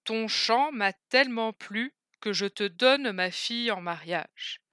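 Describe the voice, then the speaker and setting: A woman's voice: on the high side, slow pace, sharp tone, clear, resonant tone, no room sound, clean studio sound. A woman voicing a proud, stubborn king who speaks in a solemn, insistent way.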